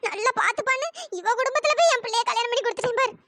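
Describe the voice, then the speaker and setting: Very high squeaky cartoon mother, scolding loudly, bright tense tone. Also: racing, a little hiss or hum, exaggerated voice. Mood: angry scolding. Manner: shouting, scolding. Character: furious scolding middle-aged mother, sharp-tongued. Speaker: angry aunt. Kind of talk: pitched-up cartoon voice acting.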